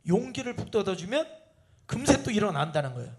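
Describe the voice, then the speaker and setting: A man preaching to his congregation in a high voice that swings up and down a lot. He keeps asking the listeners questions. He slips into voices for parents and children in everyday family scenes. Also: very animated, fast talker. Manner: addresses the congregation with rhetorical questions; acts out family dialogues in changing voices. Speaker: pastor. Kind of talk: sermon at an evening prayer meeting.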